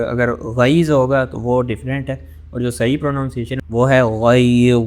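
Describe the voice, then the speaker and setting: A man with a Pakistani accent teaching an online Quran lesson, his pitch sitting in the middle range. He explains recitation rules patiently and drops into slow, careful recitation of each verse. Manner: explains in Urdu with English words, slows to recite verses.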